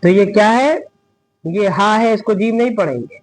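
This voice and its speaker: A man teaching a Quran reading lesson, spelling out each syllable slowly and asking his students questions as he goes. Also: sits high, poor audio. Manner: patient, repeats each syllable and asks the class questions.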